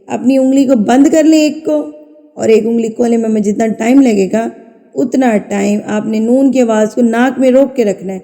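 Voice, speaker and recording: A woman's voice: fairly high pitch, mellow, long reverb tail. A woman teaching a Quran recitation lesson in patient, methodical steps, asking herself questions, answering them, and repeating sounds to demonstrate. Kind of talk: step-by-step tajweed lesson.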